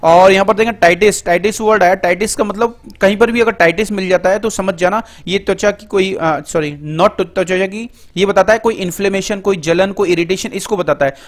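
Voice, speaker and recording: A middle-aged man teaching English vocabulary through word roots in a Hindi lecture, explaining step by step and reading English definitions out slowly. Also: high voice. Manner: explains word roots step by step, often says "ठीक है" and "दोस्तों".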